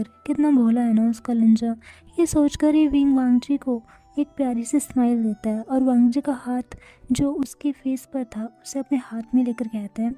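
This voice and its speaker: A woman narrating and explaining a fan fiction story in a steady, even reading voice. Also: fairly high pitch.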